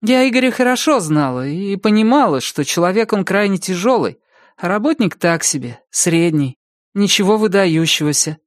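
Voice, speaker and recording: Wary, defensive woman voiced by a male reader; lively pitch, dry close sound. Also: normal speed, dry recording. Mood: guarded, doubtful. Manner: doubtful, defensive, raised voice. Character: wary middle-aged woman, widow of sorts, guarded. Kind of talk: audiobook character voice.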